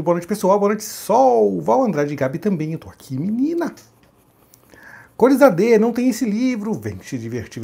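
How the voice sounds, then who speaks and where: A man reads a livestream chat aloud and greets viewers by name. His voice is gravelly and a little husky, and it swings up and down with lively pitch. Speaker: livestream co-host reading chat.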